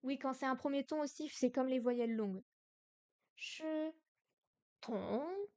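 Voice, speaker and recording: A woman's voice: sits high, moderate pace, darkish tone, clean tone. A young woman from France in a casual livestream study session, repeating syllables aloud and exaggerating the tones. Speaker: streamer learning Chinese.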